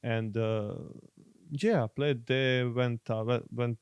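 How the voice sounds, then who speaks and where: A young Croatian man speaks English with a Croatian accent, stopping and repeating words as he hunts for them. His low, gravelly voice stays flat and even. The sound is dry and close to the mic. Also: dry recording, lo-fi sound. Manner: halting, repeats words while searching for English. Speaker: guest footballer. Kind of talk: casual podcast chat.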